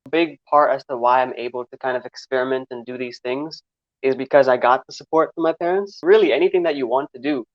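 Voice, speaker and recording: A man's voice: mid-range voice, quick pace, no room sound. Young man with a New York accent. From Trinidad. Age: 20s. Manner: rambling, many fillers and restarts. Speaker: guest filmmaker. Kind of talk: casual interview answers. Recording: slightly dull, dry recording.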